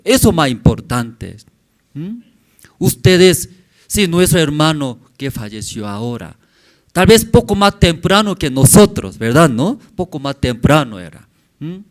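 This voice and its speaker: Speaking slowly and deliberately, a pastor in his forties delivers a sermon to his church with widely varying pitch. His phrasing is short, simple and halting, and he frequently checks in with the congregation using a quick "mm?".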